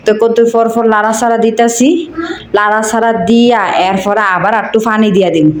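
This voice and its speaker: Her voice on the high side and fairly even, a Cumilla vlogger speaks a little fast in Cumilla Bengali as she guides viewers through a dish. The chatty, friendly cooking narration comes from an echoey room with slight hiss or hum.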